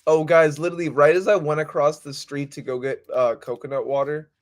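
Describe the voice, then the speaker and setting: A man's voice: a little high, steady tone, brisk. Informal man rambling on a livestream. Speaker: livestream host. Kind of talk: casual unscripted spiritual livestream chat.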